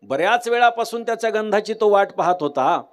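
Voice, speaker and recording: A man preaching a devotional kirtan sermon, telling a story in a lively way and acting out the dialogue. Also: sits high, fairly quick. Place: live kirtan gathering.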